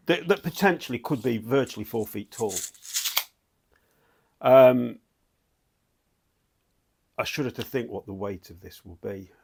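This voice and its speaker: A middle-aged man chatting excitedly in a home vlog, rambling and restarting his sentences as he walks around. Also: mid-range voice, vocal fry. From United Kingdom. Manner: enthusiastic, rambling, with many restarts. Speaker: statue collector vlogger. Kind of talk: excited casual vlog chat. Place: at home, walking between rooms.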